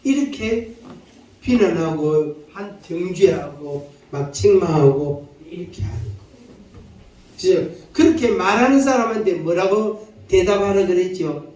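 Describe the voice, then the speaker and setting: Animated Daegu-dialect pastor preaching in an echoey hall. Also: male voice, high voice, measured pace, distant mic. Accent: Gyeongsang (Daegu) dialect. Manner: animated preaching, repeating lines and calling for the congregation to repeat. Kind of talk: sermon.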